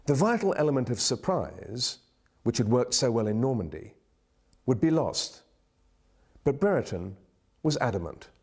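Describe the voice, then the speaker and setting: A man narrating a history documentary in a clear, expressive scripted delivery. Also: medium pitch, normal speed, pauses often. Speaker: documentary presenter.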